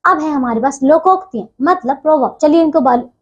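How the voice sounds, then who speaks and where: Woman, teacher, high-pitched, patient textbook lesson, frequent repetition. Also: fairly quick, darkish tone, dull audio. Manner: explains patiently, repeats phrases, says "ठीक है" often.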